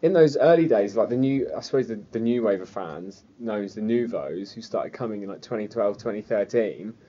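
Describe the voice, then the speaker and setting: Low-voiced man with a Home Counties accent. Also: animated, brisk, warm tone, slight background noise. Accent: Home Counties English. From southern England, Surrey and the Cotswolds. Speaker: football fan podcast host. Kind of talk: casual chat. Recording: slightly dull, lo-fi sound.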